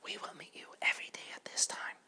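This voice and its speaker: A man voicing a group of gentle, habit-bound butterflies in a breathy whisper. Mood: hushed. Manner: breathy unvoiced whisper, soft and slow.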